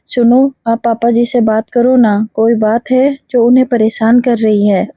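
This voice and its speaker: A woman's voice: fairly high pitch, little pitch movement, measured pace, dark tone, dry recording. A woman voicing a young, caring daughter-in-law who speaks politely and a little hesitantly, in a storybook reading.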